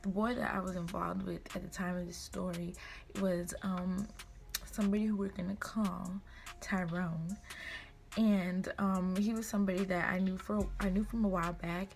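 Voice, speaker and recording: A woman's voice: on the low side, little pitch movement, normal speed, a little mellow. A young American woman telling a casual, gossipy story in a chatty, informal way, acting out bits of dialogue. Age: young adult. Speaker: vlogger. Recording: clear background room noise.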